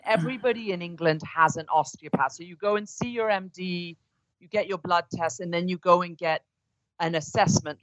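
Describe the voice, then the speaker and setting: Greek-accented woman, low and dry. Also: dry recording, poor audio. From Greece. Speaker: guest osteopath. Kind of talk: interview answers.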